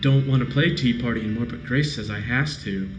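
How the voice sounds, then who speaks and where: A man's voice: medium pitch, brisk, reverberant, over music, close to an everyday voice. A man reading a game diary as a frightened young frontier girl, with plain, folksy, childlike phrasing. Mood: uneasy, sad. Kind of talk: game diary read aloud.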